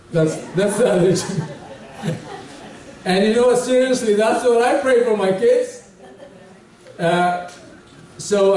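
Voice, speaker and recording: A man's voice: high voice, mellow. A middle-aged male pastor preaching a conversational sermon with humor, heard from a distance in a church hall. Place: church hall stage with large windows behind. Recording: echoey hall, voice from far off.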